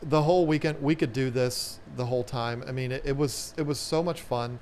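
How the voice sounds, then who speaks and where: A man's voice: mid-range voice, steady tone, a little fast, a little mellow, a little hiss or hum. Chatty man telling rambling stories. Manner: rambling storyteller, many restarts. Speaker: aquarium channel co-host. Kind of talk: casual live-stream chat.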